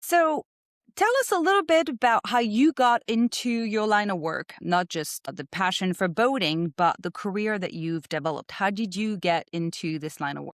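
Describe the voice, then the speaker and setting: A woman hosting a podcast interview, asking questions in an upbeat, animated way. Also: mid-range voice, normal speed, no room sound, studio quality. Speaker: podcast host.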